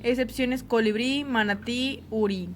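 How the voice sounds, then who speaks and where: A woman reading a spelling and grammar lesson aloud, with a steady, list-like delivery of rules and examples. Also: fairly high pitch, unhurried, slight background noise. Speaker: teacher.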